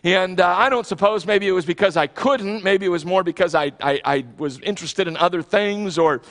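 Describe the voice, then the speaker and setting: A man's voice: sits high, a little fast, fairly bright tone. An American man in his thirties preaching a sermon from a church platform, earnest and emphatic, often restarting his phrases. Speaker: pastor. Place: large church sanctuary, on the platform. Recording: long church reverb.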